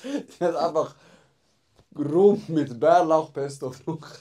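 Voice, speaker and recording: A man's voice: on the high side, measured pace, background noise. A man, chiming in and laughing with slangy remarks in a casual chat. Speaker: podcast host.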